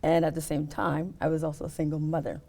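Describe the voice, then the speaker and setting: A middle-aged woman talking casually in an interview about her work as an optician, explaining step by step with many pauses. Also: sits low, level tone, vocal fry, mellow. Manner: explains step by step, hesitant fillers.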